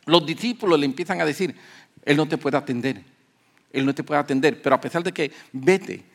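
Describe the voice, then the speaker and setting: A man preaching a sermon, moving from calm teaching to loud emphatic peaks and acting out the voices of people in the story. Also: a little high, fairly quick. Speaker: pastor.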